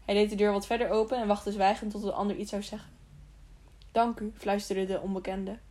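A woman reads a children's novel for an audiobook at a fast pace and medium pitch. Her narration is steady and plain, with occasional slips and restarts.

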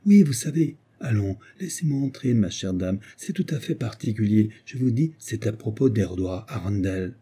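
A man voicing an agitated, tipsy, timid male doctor who pleads in a hushed, fretful way. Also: fairly low pitch, expressive, normal speed, few pauses, breathy edge. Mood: pleading.

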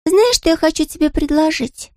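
A woman reading aloud and voicing a tiny, fluffy yellow chick girl who is curious and chatty, with a squeaky voice and a stream of eager questions. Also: expressive, moderate pace, dry recording, studio quality. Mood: friendly.

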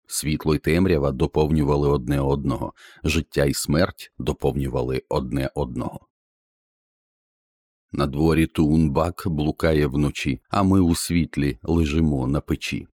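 A man reading an audiobook in measured storytelling narration. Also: rumbling low, darkish tone, no echo, studio quality.

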